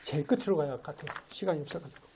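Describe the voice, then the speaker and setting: A man's voice: a little high, very fast, darkish tone, breathy edge. A man giving a sermon as a lay preacher in a church, talking in a conversational way and asking rhetorical questions. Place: church sanctuary.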